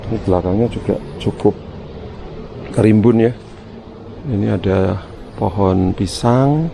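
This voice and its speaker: A man's low-pitched voice comes through clearly noisy outdoor sound as he addresses his viewers in a casual vlog. His delivery is hesitant and uneasy, with a gravelly creak running through it. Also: a little slow, warm tone. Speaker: vlogger, channel host. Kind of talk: casual spoken exploration vlog. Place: outdoors around an overgrown empty house. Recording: noisy outdoor handheld recording, ambient hum.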